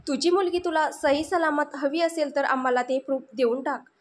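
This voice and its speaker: A woman's voice: high-pitched, fairly even intonation, moderate pace, a little hiss or hum, natural voice. A woman reading a sneering gang villain. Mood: sneering menace. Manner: threatening, sneering. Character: menacing grown man, cruel gang villain.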